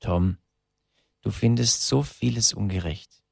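A hushed, grieving king, as a gravelly narrator puts him on. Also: on the low side, slow, no room sound, clean studio sound, full character voice. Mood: hushed, solemn. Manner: hushed, calm and firm. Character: grieving fatherly king, solemn and gentle.

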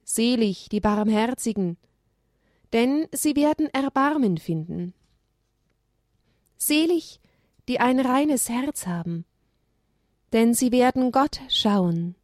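A woman slowly reading a children's story aloud, giving the animal characters gentle, lilting voices. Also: fairly high pitch, lively intonation, no echo, clean studio sound.

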